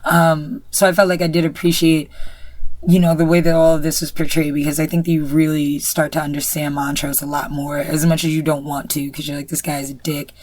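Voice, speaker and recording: A woman with a low voice talks through a TV episode in loose, casual chat. She leans on "you know" again and again. The sound is close and dry. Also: little pitch movement, fairly quick, darkish tone, no echo. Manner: chatty, many "you know" fillers. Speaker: podcast co-host. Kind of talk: casual review discussion.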